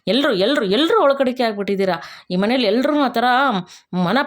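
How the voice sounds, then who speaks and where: A woman's voice: a little high, lively intonation, a little fast, lightly acted. A woman voicing a bitter, scheming older aunt who scolds and orders others to shut up, in a retold TV serial story. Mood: angry scolding. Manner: scolding, domineering.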